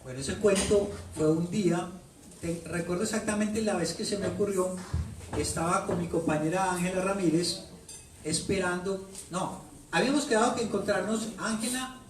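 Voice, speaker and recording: With a high-pitched, slightly mellow voice, a Colombian author with a paisa accent gives an animated, playful talk at his book launch, telling stories and repeating phrases for effect. He speaks into a handheld microphone in a bookstore event room. The recording is echoey and from far off, with slight background noise.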